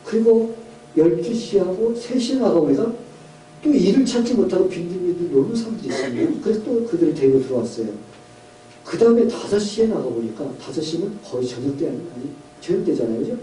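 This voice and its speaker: Korean pastor preaching in an echoey church. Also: male voice, high-pitched, expressive, fairly quick, dark tone, distant mic, a little hiss or hum. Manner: storytelling with questions to the congregation, voicing characters. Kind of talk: sermon. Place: church sanctuary.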